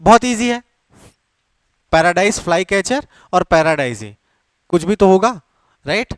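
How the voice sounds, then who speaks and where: A high-pitched man lectures to an exam coaching class. He repeats each key term several times and keeps checking that his students follow, mixing English words into his teaching. The sound is dry and close, with little room echo. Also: lively intonation, unhurried, clean tone.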